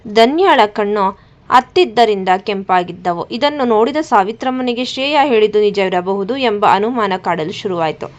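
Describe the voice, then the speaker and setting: A woman reading scripted story narration for a family drama in an even, dramatic way. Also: medium pitch, moderate pace. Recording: dull lo-fi recording.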